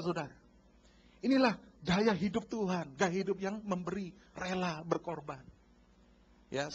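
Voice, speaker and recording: A man pastor preaching a sermon, animated and acting out bargaining scenes while addressing the congregation. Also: sits high, slightly rough. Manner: lively, acts out bargaining dialogues, addresses congregation as saudara. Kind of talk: sermon with acted-out market scenes. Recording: dull lo-fi church recording.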